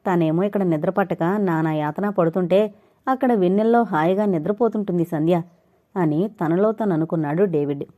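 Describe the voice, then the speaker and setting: A woman narrator reading an audio novel in a steady, measured style. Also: lowish voice.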